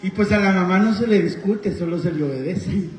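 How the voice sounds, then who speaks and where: A man's voice: high voice, fairly quick, darkish tone. A man with a Honduran Spanish accent preaching a sermon, asking the congregation questions and telling personal stories. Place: church hall. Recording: echoey church hall.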